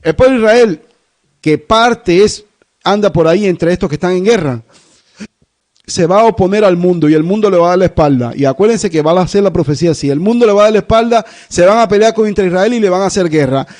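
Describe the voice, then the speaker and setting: A Cuban pastor preaching a sermon in an emphatic, rhetorical way, slowing and speeding up to stress points. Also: male voice, high-pitched, a little mellow. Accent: Cuban Spanish. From Cuba. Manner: emphatic, rhetorical, shifting pace.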